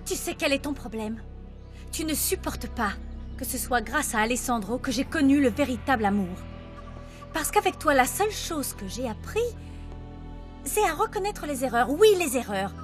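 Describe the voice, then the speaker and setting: A woman's voice: high voice, animated, normal speed, faint music behind. An indignant young mother. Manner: indignant and forceful. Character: proud young mother defending her custody. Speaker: dub actor. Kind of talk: dubbed telenovela acting.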